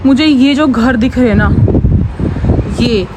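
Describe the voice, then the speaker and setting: A young woman, a mother, vlogging casually around her home, chatting and venting, and slipping into high sing-song baby talk with her daughter. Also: a little slow, background noise. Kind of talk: casual daily vlog.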